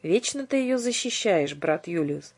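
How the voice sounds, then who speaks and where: A woman voicing a wry, watchful male guardian angel who speaks in a teasing, dry way, with a breathy voice. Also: fairly low pitch, animated, measured pace, darkish tone, heavily acted.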